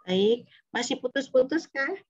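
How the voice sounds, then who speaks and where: A woman leads an online study class in a soft, halting way, with many pauses and fillers. Her voice comes through a weak connection that breaks up, chops words and adds a robotic warble. The sound is dull and lo-fi throughout. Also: high voice, animated, husky. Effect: choppy video-call audio that keeps cutting out and sounds robotic. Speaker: religious study teacher. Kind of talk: online lecture over a video call. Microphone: video call. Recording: dull, lo-fi video-call audio.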